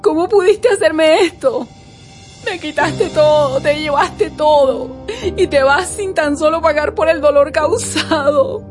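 An actress playing a grieving widow, speaking in a heartbroken, tearful way. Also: female voice, high voice, unhurried, soft background music. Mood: anguished. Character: grieving widow, middle-aged woman. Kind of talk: dramatic acting.

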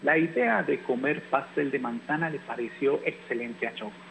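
A man, a teacher, calmly reading a children's story aloud, with some hesitation when he speaks off the page. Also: medium pitch, normal speed, creaky, slight background noise, poor audio.

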